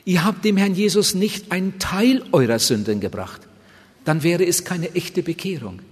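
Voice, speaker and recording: Man, preacher, high voice, husky tone, earnest and emphatic sermon, long reverberant hall. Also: expressive, moderate pace.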